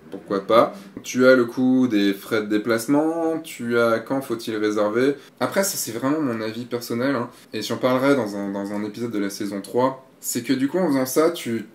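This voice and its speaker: A man's voice: mid-range voice, roomy sound. A man giving a frank, casual critique of a photographer's website, blunt and given to swearing.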